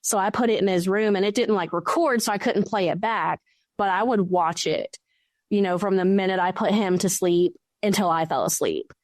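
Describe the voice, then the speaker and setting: A woman's voice: medium pitch, normal speed, no room sound. Dry-sounding woman telling a ghost story. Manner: animated storyteller who acts out quoted speech. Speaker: guest. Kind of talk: recounting a personal ghost story.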